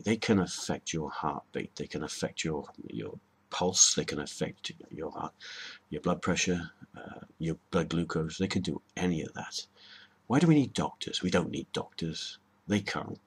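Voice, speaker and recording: A man's voice: a bass voice, breathy edge. A man talking in a rambling, hesitant way, with many ums and restarts, giving a casual spoken lesson to camera. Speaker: video host.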